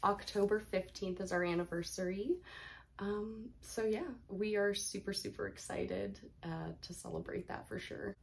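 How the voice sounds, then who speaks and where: A woman's voice: medium pitch, fairly even intonation, moderate pace, vocal fry, a little hiss or hum. A young woman in her twenties hosting a casual question-and-answer chat, reading questions aloud and laughing often. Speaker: YouTuber, Q&A host.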